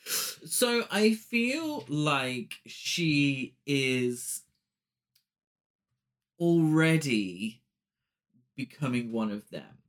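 A man's voice: on the high side, sing-song, extremely slow, pauses often, fairly bright tone. A man hosting a casual film recap, talking through the plot with cheeky, campy asides. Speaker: podcast host.

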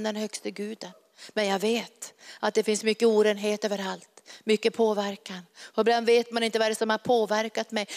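A woman preaching a fervent, emphatic sermon in a church hall. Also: fairly high pitch. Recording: long reverb of a large hall.

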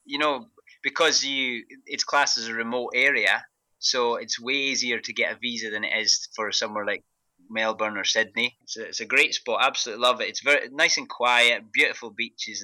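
A man with a thick, broad Scottish accent giving casual, halting interview answers, often repeating words as he goes. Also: medium pitch, steady tone, bright, forceful tone, no room sound, rough recording. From Glasgow, Scotland. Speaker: interview guest, parkrun event organiser.

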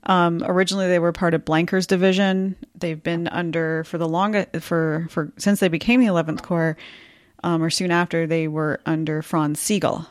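A woman with a fairly low voice co-hosts a history podcast in a casual, chatty way. She pokes fun at herself and laughs easily. The sound is dry and close to the mic. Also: level tone, normal speed, no room sound. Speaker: podcast co-host.

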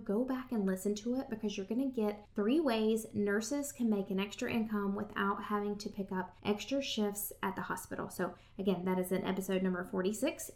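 A woman's voice: mid-range voice, darkish tone. A woman with a Southern accent, hosting a podcast and talking straight to her listeners in a casual, chatty way. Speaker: podcast host.

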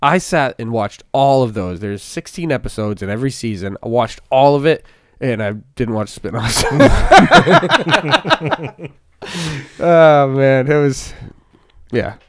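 A man's voice: mid-range voice, slow, long pauses. A man hosting a podcast, chatting casually and telling rambling stories. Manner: rambling, animated storyteller. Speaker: podcast host. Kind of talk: casual chat.

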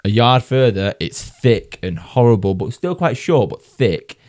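A man's voice: mid-range voice, very animated, measured pace, a little mellow. A man with a Mancunian accent co-hosting a golf podcast in casual, blokey chat, emphatic and repeating his phrases. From Manchester area, England.

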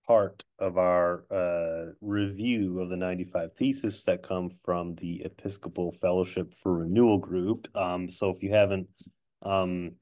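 A man hosting a podcast in casual chat, halting and self-deprecating as he talks. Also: low voice, steady tone, darkish tone. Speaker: podcast host. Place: office. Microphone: not his regular microphone.

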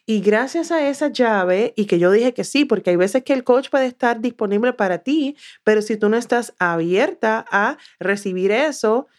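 A woman from southern Puerto Rico with a Puerto Rican accent, a podcast guest telling her story in a lively way and acting out what she once said. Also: a little high, moderate pace, few pauses. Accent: Puerto Rican Spanish. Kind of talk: casual interview.

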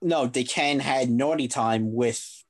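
A man co-hosting a casual podcast, deadpan and dry, explaining comic lore in detail. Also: mid-range voice, takes it slowly, dry recording. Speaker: podcast co-host. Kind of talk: casual chat about comics.

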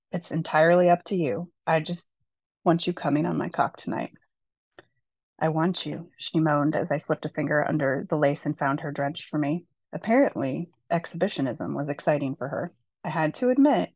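A woman with a notably low voice reads from her own novel. Her delivery is steady and unhurried, with a little extra weight on the dialogue. The recording is close and dry. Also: gravelly, dry recording. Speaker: author.

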